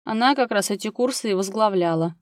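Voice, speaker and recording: A gruff, practical grown man from an audiobook, voiced by the woman reading it, talking in short, bossy, businesslike bursts. His tone is blunt and no-nonsense. It sounds close and dry, with no room sound. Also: medium pitch, a little fast, dry recording, close to an everyday voice.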